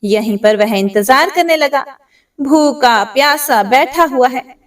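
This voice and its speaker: A woman narrating a devotional story in a gentle way, addressing devotees directly. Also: high voice, slow. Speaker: religious storyteller. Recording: voice distant from the mic.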